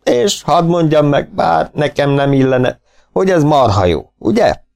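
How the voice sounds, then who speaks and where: Jovial overbearing host, raised and loud, gravelly underneath, put on by a male narrator. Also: lively intonation. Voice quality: jovial, booming, doting. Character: hearty, generous, overbearing middle-aged male host. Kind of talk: audiobook character voice.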